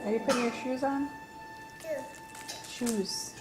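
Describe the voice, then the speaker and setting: High-voiced mother coaxing toddlers. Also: steady tone, takes it slowly, reverberant, loud music behind the voice. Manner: coaxing and scolding toddlers, sing-song prompts. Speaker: mother filming her children. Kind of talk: casual home video. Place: family home indoors.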